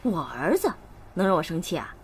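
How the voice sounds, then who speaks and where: An actress playing a sharp-tongued middle-aged mother who nags and scolds her family, in a TV drama. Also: on the low side, sing-song, normal speed, a little hiss or hum. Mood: complaining. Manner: nagging, scolding, sarcastic. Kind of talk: TV drama acting.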